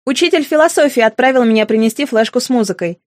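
A woman's voice: a little high, lively intonation, quick pace, no room sound, clean studio sound, close to an everyday voice. A woman voicing a timid new teenage girl who speaks hesitantly. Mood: unsure.

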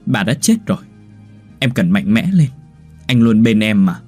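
A man voicing a young husband gently comforting his wife, in a husky, soothing voice. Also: fairly low pitch, expressive, moderate pace, faint music behind.

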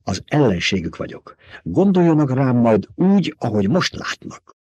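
A man's voice: mid-range voice, big pitch swings, darkish tone, breathy edge, dry recording. A man voicing a cunning, arrogant young male noble fighter, speaking his cold, gloating thoughts in an audiobook.

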